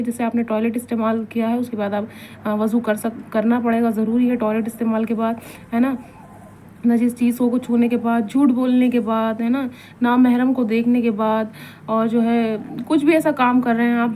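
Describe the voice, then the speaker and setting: A woman's voice: a little high, warm tone, slight background noise. A woman giving an informal religious lesson, talking conversationally, repeating her points and asking rhetorical questions. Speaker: religious instructor.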